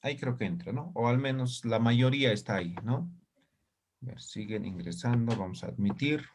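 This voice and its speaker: A man's voice: mid-range voice, normal speed, a little hiss or hum. Man teaching a live online class. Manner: patient explaining, tags nearly every phrase with a short check-in question. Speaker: language teacher. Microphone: computer mic on a video call.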